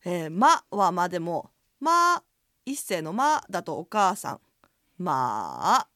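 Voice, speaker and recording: A woman co-hosting a radio language lesson, chatty and lively, acting out sounds as she explains. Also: normal speed, no echo, studio quality. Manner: lively, chatty, demonstrates sounds with big pitch swings.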